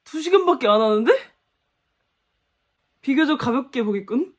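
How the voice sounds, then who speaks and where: Watching a dating show episode on camera, a young reaction host talks to her audience in animated, casual commentary, laughing and exclaiming at what she sees. Her pitch is high and her pace moderate.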